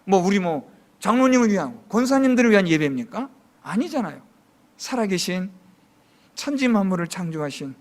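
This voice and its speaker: A man's voice: high voice, a little mellow. A man from Seoul, a pastor, giving a chatty, humorous Sunday sermon full of questions to his congregation.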